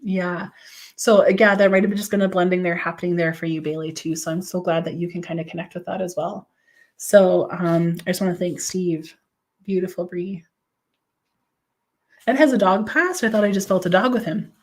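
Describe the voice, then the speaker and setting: A woman working as a psychic medium does a reading on a live stream, speaking at a normal pace in a lowish voice. She gushes with affection, leans heavily on "like" as a filler, and responds out loud to viewers' comments.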